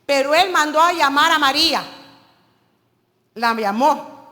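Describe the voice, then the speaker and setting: A woman preaches with an emphatic sermon delivery, often turning to address her listeners as brothers. Her voice sits high and bright, and it rings out with a long hall reverb around it. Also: a little slow.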